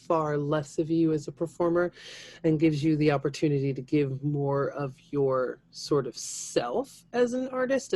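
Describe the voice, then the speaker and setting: A stage actor speaks in a low, warm voice during a casual spoken interview. She explains things in a relaxed, conversational way.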